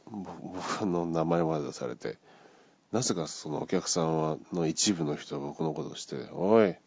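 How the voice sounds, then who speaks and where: Deep gravelly guy telling a dream story, doing everyone's voices, muffled dry recording. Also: normal speed, dry recording. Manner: acts out the voices of people in the story. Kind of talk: casual retelling of a dream.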